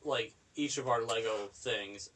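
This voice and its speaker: A man's voice: mid-range voice, a little slow, fairly bright tone, slight background noise, poor audio. Laid-back young man cohost. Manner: laid-back, agreeable, swearing. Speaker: podcast co-host. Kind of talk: casual chat.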